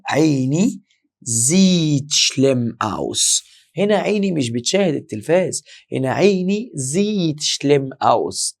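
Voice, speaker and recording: A male language teacher speaks with an Egyptian Arabic accent and a gravelly, fry-edged voice at an ordinary pitch. He walks through each point step by step, repeats key words slowly and quizzes his class. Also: a little mellow. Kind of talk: exam-prep lesson.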